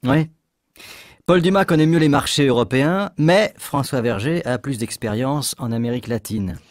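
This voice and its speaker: Man in a dry, measured textbook dialogue. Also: mid-range voice, no room sound. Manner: clear, measured reading. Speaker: dialogue actor as hiring manager.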